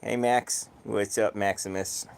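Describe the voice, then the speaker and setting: A man with a lowish voice hosts a relaxed livestream from home. He talks easily and evenly, answering viewers' comments with frequent fillers in a voice he calls monotone. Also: measured pace, gravelly, noisy background. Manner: relaxed, chatting to viewers, says his voice is monotone. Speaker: livestream host. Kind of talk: casual livestream chat. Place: home, cats outdoors.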